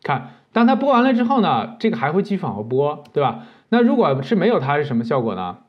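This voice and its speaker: A man's voice: a little high, huge pitch swings, fast, dull audio. A man teaching video editing step by step, patient and explanatory, with many fillers. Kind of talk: screen-recorded software tutorial.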